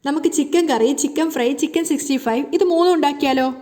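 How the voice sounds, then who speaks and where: A woman's voice: high voice, brisk, mellow, close to an everyday voice. A woman voicing a bold young married woman who teases and mocks with confidence. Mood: teasing. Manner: mocking, confident.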